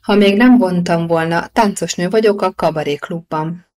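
A woman's voice: fairly low pitch, darkish tone, close to an everyday voice. A woman reading an audiobook voices a polite, anxious young female dancer on a phone call.

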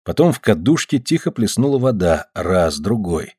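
A man tells a story in an expressive audiobook reading, his pitch moving freely up and down. His voice is husky, and the recording is dry and close. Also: normal speed, no echo. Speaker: narrator.

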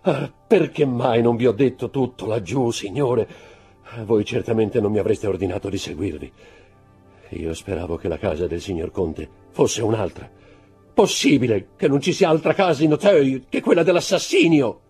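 A man reading an audiobook, voicing a terrified, superstitious male Corsican steward who shouts and pleads desperately. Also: on the low side, moderate pace, husky, faint music behind, pitched above the performer's own voice. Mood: panicked. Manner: shouting, desperate, trembling pleas.

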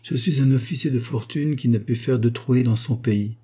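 A man's voice: medium pitch, moderate pace, mellow, husky, lightly acted. A man doing a persuasive soldier of fortune.

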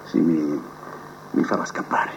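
A smug scheming genius convict, muttering then flaring up, lively up and down voice, muffled tv sound taped on cassette. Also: male voice, medium pitch, normal speed, noisy background. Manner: musing to a cellmate, swinging between soft mutters and lively outbursts. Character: proud scheming male prison inmate who thinks he's a genius. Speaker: stage actor in a TV monologue. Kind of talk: theatrical TV drama monologue. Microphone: cassette recorder mic held to a TV speaker. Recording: muffled TV audio taped off a set onto cassette.

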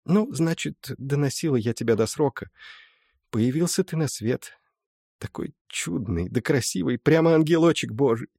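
A man's voice: mid-range voice, animated, moderate pace, creaky, breathy edge, dry recording, clean studio sound. A man voicing a humble old village mother. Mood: tender. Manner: soft storytelling, folksy and confiding. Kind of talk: audiobook reading.

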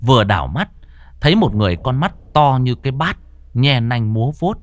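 A man narrating a ghost story in a dramatic, expressive way. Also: mid-range voice, fairly quick, a little hiss or hum.

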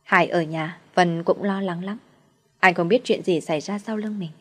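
A woman narrating an audiobook story in a steady, plain storytelling manner. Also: fairly low pitch, normal speed.

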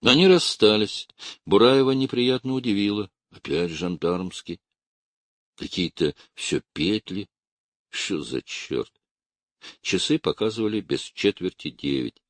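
A man reading a literary audiobook in a measured, unhurried way. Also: low-pitched, lively intonation, no room sound. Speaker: audiobook narrator.

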